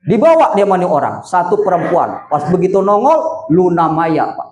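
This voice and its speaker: A man's voice: high voice, very animated, normal speed, a little mellow. A man preaching a humorous wedding sermon, telling a story and quizzing the crowd. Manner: joking storyteller, asks the crowd questions. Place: hall with audience. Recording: echoey hall.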